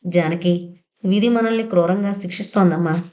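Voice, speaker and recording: A woman's voice: lowish voice, moderate pace, dark tone, natural voice. A woman voicing an ailing elderly father, speaking in a sorrowful, pleading way in an audio novel. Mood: grieving.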